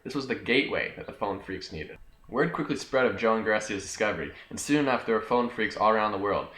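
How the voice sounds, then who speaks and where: A young man talks through a scripted history lesson with a bright, forward tone, cracking jokes and answering himself. The room around him rings with echo. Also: lowish voice, expressive, fast talker. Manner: jokey, talks back to himself. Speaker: host of a homemade history video.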